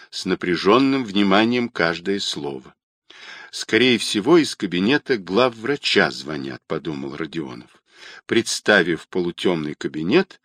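A man narrating an audiobook in an unhurried, expressive reading. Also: lowish voice, no room sound, clean studio sound. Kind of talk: scripted narration.

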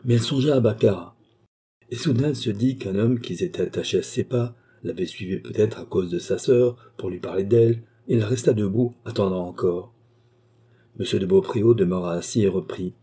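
A man narrating a classic novel as an audiobook, in a measured, dramatic reading. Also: on the low side, warm tone, husky.

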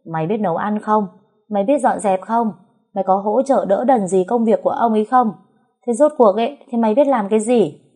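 Woman as blunt best friend in a storybook, scolding, warm timbre. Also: mid-range voice, fairly quick, pitched above the performer's own voice, lightly acted. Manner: scolding, lecturing.

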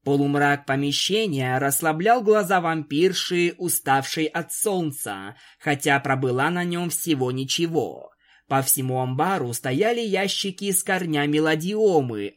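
A storyteller reading fan fiction aloud with expressive, lively narration. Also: mid-range voice.

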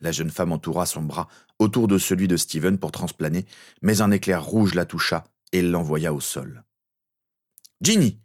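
Man, very deep voice, fan-fiction audiobook reading, steady, earnest storytelling. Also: normal speed.

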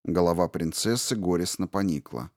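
Man, audiobook narrator, measured even storytelling, low voice, dry close mic. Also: no echo. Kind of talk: scripted fantasy narration.

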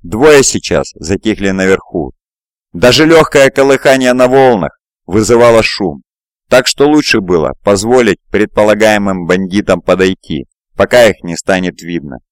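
Male audiobook narrator, low voice, dry close home recording, steady reading. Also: moderate pace, clean tone, no room sound. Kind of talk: scripted fantasy narration. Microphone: close mic, home recording.

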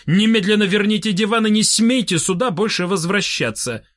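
A man's voice: high-pitched, normal speed, fairly bright tone, voice pushed up. A man reading an audiobook, voicing a thin, stern official who speaks coldly and formally. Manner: cold, officious. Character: thin stern bureaucrat man, quietly menacing.

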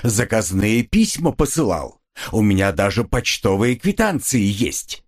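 A man's voice: lowish voice, very animated, measured pace, breathy edge, full character voice. A man voicing a scheming young con man who talks in a gushing, falsely affectionate way, as an audiobook figure. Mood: fawning.

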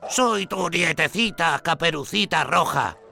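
A man voicing a sly, hungry wolf who talks in a falsely sweet, slow, coaxing way in a storybook reading. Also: on the high side, lively intonation, vocal fry, bright, forceful tone, soft background music, pitched above the performer's own voice, heavily acted.

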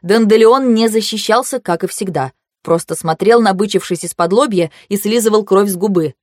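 A woman narrating a first-person audiobook in an even, steady storytelling voice. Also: mid-range voice, normal speed, dry recording, clean studio sound.

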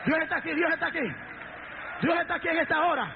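A male pastor preaching a sermon, fervent and dramatic, often shouting praise. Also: extremely high pitch, fast talker. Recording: dull lo-fi recording with faint noise.

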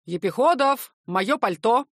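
A woman reading the part of a practical merchant man who gives brisk orders. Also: on the high side, animated, slightly rough, dry recording, studio quality.

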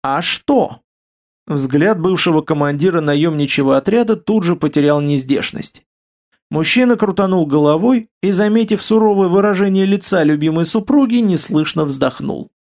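A man narrating an audiobook in a steady, measured reading voice. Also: a little high.

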